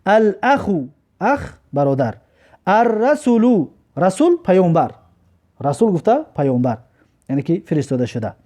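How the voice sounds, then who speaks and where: A man with a Tajik accent teaching in a high, lively voice that climbs and drops a lot. His tone is dark and mellow. He reads each word out slowly, then explains it more quietly. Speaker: Arabic teacher. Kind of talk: recorded lesson.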